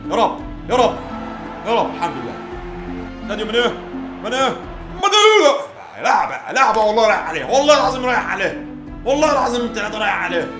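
A young man with an Egyptian accent, commentating his own football video game match and shouting and pleading at the play. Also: sits high, animated, rapid-fire, pauses often. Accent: Egyptian Arabic. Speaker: gaming YouTuber. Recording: echoey room with game music.

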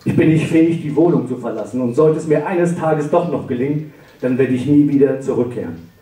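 A man's voice: a little fast, warm tone. Sarcastic man reading in a roomy hall. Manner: dry, sarcastic, bursting into shrill rants. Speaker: author reading his own texts. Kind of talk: live reading at a library event. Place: library event hall. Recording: roomy hall, voice far from the mic.

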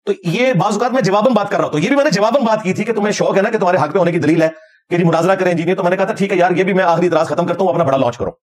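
A man in the middle of a religious lecture, arguing a point and daring his opponents to answer. His voice sits a little high for a man, and he presses each point home with emphasis. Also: breathy edge. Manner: emphatic, challenging. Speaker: religious scholar.

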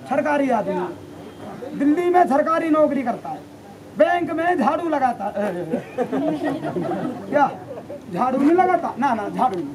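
Guy from india running a street monkey show, yelling jokes at the crowd, loud traffic noise behind. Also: very high-pitched. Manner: loud, teasing banter, scolding and joking. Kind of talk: street performance patter to a crowd. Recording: noisy outdoor street recording with traffic. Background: crowd ambience and passing vehicles.

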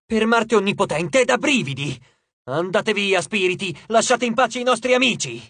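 A man voicing a scared but brave teenage boy with a bow, in an audiobook. The voice jumps higher and louder, urgent and excited, recorded close and dry. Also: moderate pace, no echo, full character voice. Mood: alarmed.

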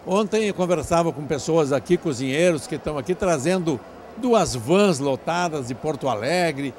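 A man's voice: a little high, animated, moderate pace, darkish tone. Effusive older man at a noisy event. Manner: effusive, grateful, talks in long flowing runs. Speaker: event organizer being interviewed. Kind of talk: outdoor event interview. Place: large covered event hall, crowded charity dinner. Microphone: handheld mic.

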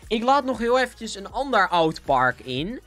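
A man's voice: high voice, sing-song, normal speed, a bit bright. A young man with a Dutch accent, chatting casually as a gaming livestreamer, bouncy and giggly, with a sore throat. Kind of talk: casual live game commentary. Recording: faint music behind.

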